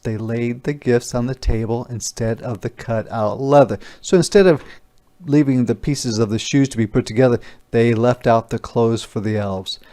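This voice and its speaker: In the manner of a teacher with small kids, a man reads from a picture book with expression, pausing to explain and pose questions. He speaks in a mid-range voice.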